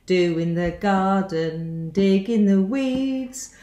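A woman's voice: mid-range voice, very slow, warm tone, reverberant. A woman of fifty, singing a song with joking asides in her home kitchen, recorded on a close-up home camera. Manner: jokey, breaks into song with asides. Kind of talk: playful singing and chat on a video call.

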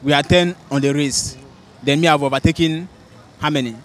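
A man's voice: on the high side, steady tone, moderate pace. A man, giving answers in a street interview. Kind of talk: answering street quiz questions. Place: busy outdoor spot under a city flyover. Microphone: handheld interviewer's microphone.

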